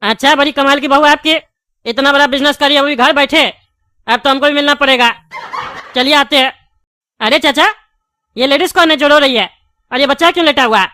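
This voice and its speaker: Woman playing male cartoon shopkeeper, blunt and bantering, high bright voice, dry recording. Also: fairly quick, long pauses, dry recording. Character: brash male sweet-shop owner, quick to argue.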